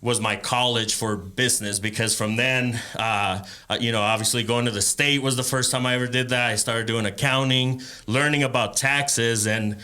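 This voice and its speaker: A man from El Salvador, a rapper and entrepreneur, telling his life story as a podcast guest in a relaxed way, with frequent fillers and laughs. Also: mid-range voice, normal speed, hardly any pauses. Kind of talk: casual interview chat.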